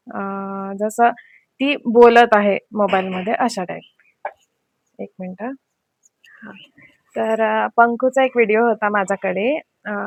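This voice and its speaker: A young woman vlogger telling a frightening personal story in a casual, anxious way, with many fillers and pauses. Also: mid-range voice, creaky, dry recording.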